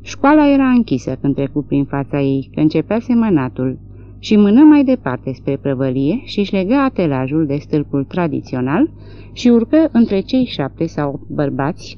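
Low-voiced woman reading a novel. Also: muffled recording. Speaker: audiobook reader. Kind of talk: literary audiobook narration.

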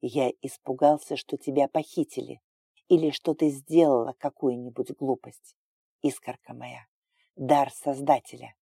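A remorseful dragon lord speaks softly and tenderly, dropping his voice low, as a woman narrator puts him on. The tone is dark and mellow, close and dry. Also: steady tone, a little slow, creaky, breathy edge, dry recording, exaggerated voice. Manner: soft, low, sighing.

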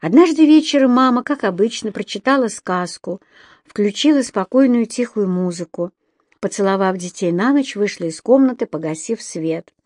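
A woman narrating a children's bedtime story in a slow, gentle way. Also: medium pitch, expressive, no room sound, clean studio sound.

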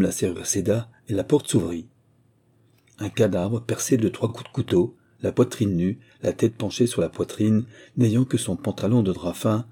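A man narrating a classic story at a steady, measured pace. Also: fairly low pitch, breathy edge. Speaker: audiobook narrator. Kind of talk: scripted narration.

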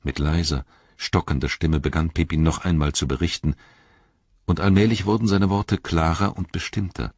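A man reading an audiobook as narrator, with a measured, dramatic delivery. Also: very deep voice, fairly even intonation, darkish tone, breathy edge, no room sound, highs cut off. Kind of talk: scripted narration.

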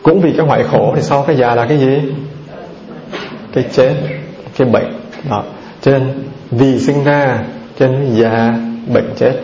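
Gravelly-voiced monk giving a dharma talk. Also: male voice, medium pitch, steady tone, a little slow, mellow. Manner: asks the audience questions and answers them himself; lists terms one by one. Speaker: Buddhist monk teacher. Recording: roomy, dull, slightly noisy recording.

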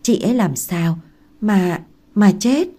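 Woman doing a shy young pregnant wife, soft pleading voice, mellow tone. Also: medium pitch, lively intonation, takes it slowly. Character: timid young pregnant daughter-in-law.

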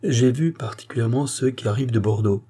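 An earnest, urgent statesman, read by a man lays out his warnings point by point. The voice is mellow and a little husky, pitched slightly up and pressing. It sounds like a classic novel read aloud as an audiobook. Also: fast talker, lightly acted. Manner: urgent, explanatory pleading. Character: earnest male politician warning a queen.

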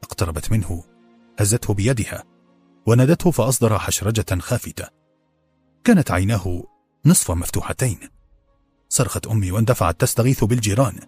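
راوٍ رجل بصوت عميق مبحوح. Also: male voice, fairly low pitch, lively intonation, brisk, pauses often, dark tone, slightly rough, faint music behind. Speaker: audiobook narrator. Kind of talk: scripted narration.

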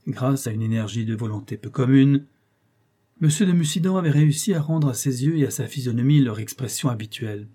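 A man narrating a classic novel as an audiobook, in a measured, low-key storytelling voice. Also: expressive, mellow.

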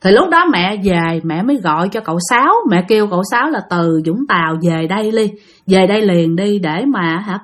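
A woman's voice: medium pitch, a bit bright. A woman with a Southern Vietnamese accent telling a ghost story in a chatty way, talking straight to her listeners. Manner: chatty, addresses listeners directly.

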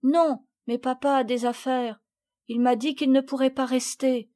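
A woman's voice: high-pitched, steady tone, measured pace, mellow. A woman voicing a small, tender-hearted boy close to tears, with a pleading, heartfelt manner. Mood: sad.

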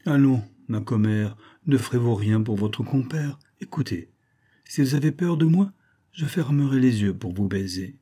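A man voicing a sly, smooth-talking male fox in a storybook reading, wheedling and cajoling. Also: mid-range voice, animated, normal speed, warm tone.

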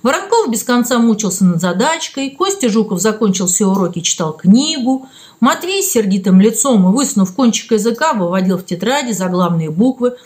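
A woman narrating a children's story in an expressive storytelling manner. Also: fairly high pitch, a little fast. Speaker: reader.

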